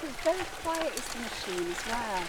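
Heavy background noise from a noisy crowd surrounds this middle-aged Sheffield woman with a Yorkshire accent, a guest on an open hillside. Her voice sits on the high side and sounds very animated. Unhurried and descriptive, she points out the landscape around her in relaxed outdoor talk.

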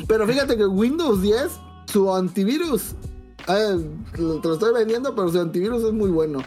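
A woman with a Mexican accent, chatting on a podcast. Her voice sits at a middle pitch. She spins slangy, profane anecdotes and acts out what people said. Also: normal speed, faint music behind. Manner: slangy, profane, animated anecdotes with quoted dialogue. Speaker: podcast guest. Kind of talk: casual storytelling chat.

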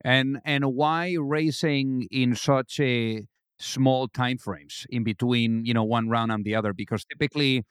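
A man's voice: medium pitch, steady tone, measured pace, smooth, no room sound, studio quality. A man interviewing a guest about business in a conversational way, putting questions to them.

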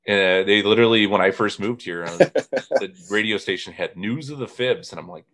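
A man's voice: fairly low pitch, a little fast, fairly bright tone. A man from northern Indiana hosting a casual chat, telling funny stories and quoting people as he goes. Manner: storytelling, quoting others with laughs. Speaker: podcast host.

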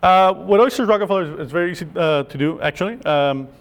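A man's voice: high voice, lively intonation. A man, a chef, explaining oyster sauces in a cooking demonstration, with frequent restarts and filler words. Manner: quick, halting explanations with many restarts. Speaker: chef guest.

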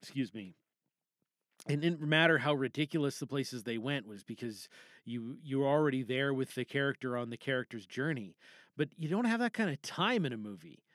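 This podcast host's mid-range voice is fairly bright and lively in intonation, and he speaks a little fast. He offers feedback to fellow podcasters in a rambling, informal solo chat with opinions on films, often trailing off or rephrasing mid-sentence. The clean studio sound has no echo.

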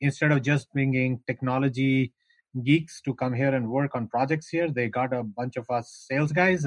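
A middle-aged Indian man, founder of an insurance tech company, tells his career story at length as a podcast guest, often restarting his sentences. His accented voice is medium-pitched, the audio is poor, and there's no room sound.

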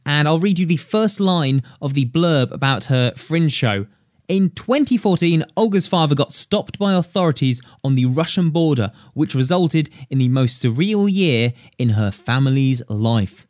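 A man's voice: a little high, lively intonation, moderate pace, a little mellow, dry recording, clean studio sound. A man with a posh-sounding voice hosting a comedy podcast, chatty and self-deprecating, laughing often as he tells stories. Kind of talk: casual storytelling narration.

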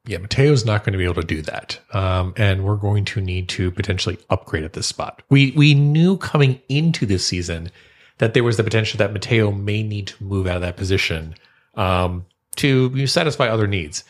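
A man with a fairly low voice co-hosting a casual sports podcast. He rambles through his points with frequent ums and a loose, easygoing delivery. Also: animated, moderate pace. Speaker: podcast co-host.

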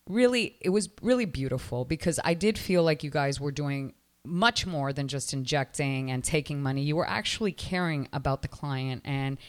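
Podcast host, woman, 40s, low-pitched and effusive, casual interview chat. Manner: effusive, chatty, quick asides. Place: Miami.

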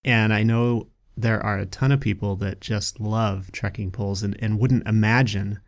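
A man's voice: on the low side, steady tone, normal speed, creaky. A man co-hosting a hiking podcast in easygoing casual chat, chuckling often between remarks. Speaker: podcast co-host.

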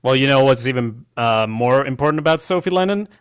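A man's voice: mid-range voice, animated, brisk, clean tone, dry recording. A man co-hosting a casual podcast, recapping a TV show in a loose, jokey way with plenty of swearing. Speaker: podcast co-host. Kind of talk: casual chat reviewing a TV show.

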